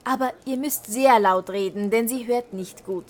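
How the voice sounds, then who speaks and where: Brief: crafty, persuasive young farmer in a fairy tale, voiced by a woman, voice a bit high. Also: normal speed, lightly acted. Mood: scheming. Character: sly young peasant man, little Klaus.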